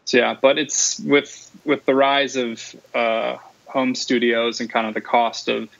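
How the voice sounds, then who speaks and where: A studio owner co-hosting a podcast explains his work in a matter-of-fact way, his voice heavily gravelly and flat in pitch. The recording is dry and somewhat muffled. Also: unhurried, no room sound. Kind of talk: casual podcast interview.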